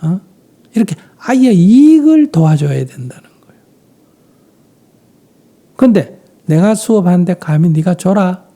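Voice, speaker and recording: Husky-voiced Gyeongsang monk, very dark tone. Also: male voice, high-pitched. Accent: Gyeongsang Korean. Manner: calm explaining, often trailing into a breathy half-whisper. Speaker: Buddhist monk answering questions. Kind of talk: question-and-answer dharma talk.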